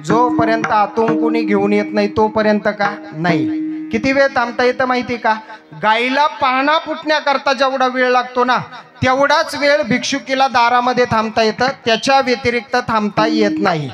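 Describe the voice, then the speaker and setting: A man's voice: very high-pitched, fairly even intonation, moderate pace, over music. A man telling a devotional story as a kirtan preacher, dramatic and emotive.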